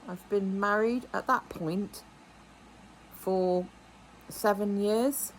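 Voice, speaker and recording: A woman's voice: mid-range voice, slow pace, a little hiss or hum, rough recording. Indignant chatty English woman vlogger. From England. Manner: rambling, indignant, with many asides and quoted dialogue. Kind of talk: casual storytelling monologue.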